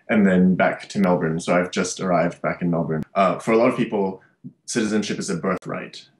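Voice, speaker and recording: Young guy with a deep voice, grew up in malaysia and singapore, musing thoughtfully into his webcam. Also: rough recording. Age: young adult. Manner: thoughtful, with many restarts and fillers. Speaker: artist and social worker. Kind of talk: reflective interview monologue. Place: small bright room indoors. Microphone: webcam at desk.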